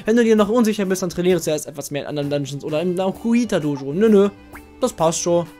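A woman's voice: on the low side, animated, quick pace, dark tone. A woman let's player reading game text aloud and commenting casually. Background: video game music.

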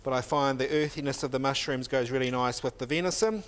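A middle-aged man walks through a recipe as a cooking instructor, speaking in a steady, even explaining voice while he works. His pitch sits in an ordinary middle range. He is recorded on a lapel mic in an indoor teaching kitchen, with faint noise underneath. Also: fast. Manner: steady step-by-step explaining while working, with filler ums. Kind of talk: cooking demonstration.

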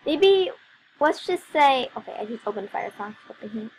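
A woman talks her way through a game in a loose, rambling style, full of fillers and apologies. Her voice sits a touch high and carries a gravelly fry, worn down from a long day of talking. A faint hiss runs underneath. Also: expressive, normal speed, rough recording. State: voice wearing out from talking all day. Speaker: let's play commentator. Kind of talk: casual gameplay commentary.

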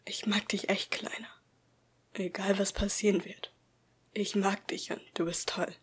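Woman reading as a troubled teenage bully boy, breathy, slow, amateur audiobook. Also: medium pitch, little pitch movement, in a whisper. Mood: tender.

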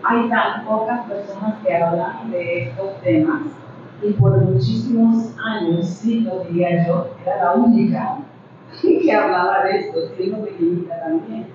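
A woman from Panama in the audience speaks in an excited, halting way. She sounds far from the mic, with a tinny, phone-like sound in a very echoey hall and clear background noise. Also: mid-range voice. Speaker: audience member.

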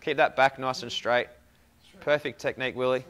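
A young Australian fitness coach leads a home workout, calling out short instructions and offering encouraging praise. His mid-range voice holds a steady tone at a moderate pace and sounds fairly bright. The room is indoors, with a hard floor and a whiteboard.

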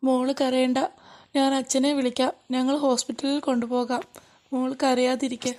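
A woman's voice: high-pitched, level tone, moderate pace, a little mellow, lightly acted. A woman voicing a kind, childless wife in a cartoon, soothing and apologetic.

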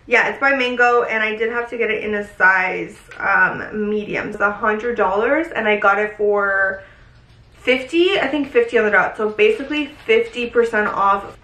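A woman's voice: medium pitch, normal speed, pushed and bright, echoey room, poor audio. A young woman chatting effusively to her viewers in a casual haul vlog, filmed in her bedroom. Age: young adult. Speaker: fashion vlogger. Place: bedroom, indoors. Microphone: camera at a short distance.

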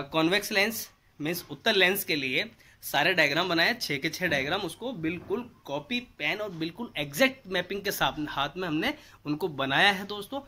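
A male physics tutor from India, in his thirties, gives a whiteboard lesson indoors, quizzing the class and then answering himself. He's animated, with a bright voice that sits high, posing rhetorical questions and answering them. Slight background noise is present.

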